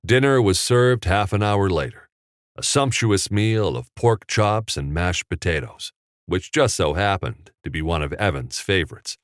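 A man narrating an audiobook in a measured, steady storytelling manner on a close studio mic. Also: low voice, dry recording.

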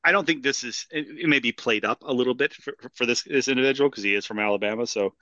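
A man's voice: mid-range voice, fast, bright, forceful tone, no room sound, lo-fi sound. A man from the American South chatting on a podcast in an easygoing, hesitant way. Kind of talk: casual podcast chat.

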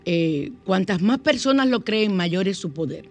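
A woman's voice: medium pitch, expressive, a little slow, darkish tone. A middle-aged woman hosting a spiritual self-help radio talk, speaking emphatically and repeating her key phrases. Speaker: radio host.

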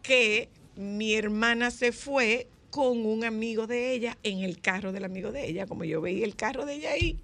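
A woman with a Dominican accent, hosting a casual chat and telling lively stories, acting out the dialogue. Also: on the high side, moderate pace, hardly any pauses, slight background noise. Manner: lively storyteller, acts out dialogue.

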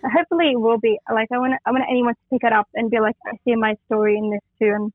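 A young adult woman, a poet from Western Sydney, Australia, speaks as a guest in a phone interview, fast and with a steady tone. Her voice sits on the high side, and the phone line sounds tinny and dry. She's enthusiastic and reflective.

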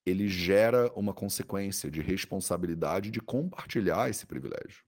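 Very deep-voiced Brazilian man guiding meditation. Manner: calm, soothing, unhurried instruction with pauses. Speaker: meditation teacher. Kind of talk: guided meditation.

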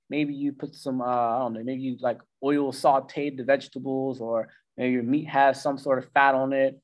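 A man's voice: mid-range voice, gravelly. A man giving casual advice on meal timing and food as a coach, talking loosely with slang and filler words. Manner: loose and conversational, slangy, acts out the brain in goofy voices. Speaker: nutrition coach. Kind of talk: casual instructional talk.

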